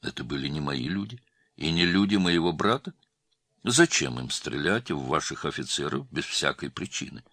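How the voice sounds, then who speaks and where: Raised, lively man's voice for a furious, mocking mobster brother who shouts threats; dry close sound. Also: very deep voice, normal speed, no room sound, exaggerated voice. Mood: defiant. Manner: angry, shouting, scornful. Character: hot-tempered male crime clan brother.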